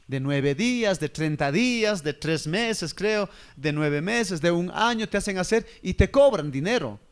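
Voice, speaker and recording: A man's voice: high-pitched, lively intonation, measured pace, clear, resonant tone. A man, preaching a sermon and firing rhetorical questions at his listeners. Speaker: pastor.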